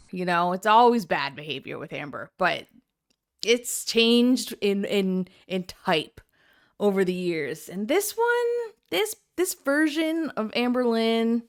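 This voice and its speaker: A woman hosting a reaction video, commenting critically and sarcastically on a livestream clip. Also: a little high.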